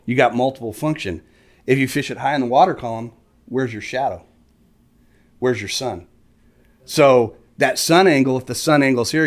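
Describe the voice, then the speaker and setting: A middle-aged man, explaining fishing tactics in casual conversation as an animated storyteller who acts out other anglers. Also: medium pitch. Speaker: fishing guest expert. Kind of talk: casual chat.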